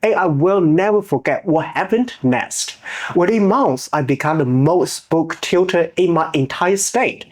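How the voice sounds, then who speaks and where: Reading scripted motivational narration on the channel he hosts, this Chinese man in his thirties sounds earnest and measured yet animated, with a fairly high pitch. He speaks with a Chinese accent and slips up slightly on grammar now and then.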